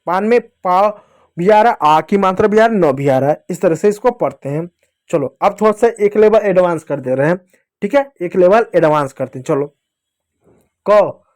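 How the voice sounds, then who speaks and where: A male teacher giving a reading lesson to young children, patiently repeating each sound, asking questions and answering them himself, and calling his listeners dear children. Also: high-pitched. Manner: addresses children fondly as dear kids.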